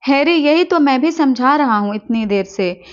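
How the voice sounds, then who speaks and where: A woman voicing a sweet, hopeful young college man who speaks gently and pleadingly. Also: sits high, animated, moderate pace. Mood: earnest. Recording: dull lo-fi recording.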